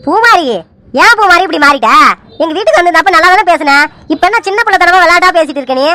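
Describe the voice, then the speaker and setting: A woman voicing a teasing man who chats on the phone in an animated serial, full of mock fear and pleading. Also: very high voice, fast talker, heavily acted. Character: man called Surya sir on the phone, teasing. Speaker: cartoon character.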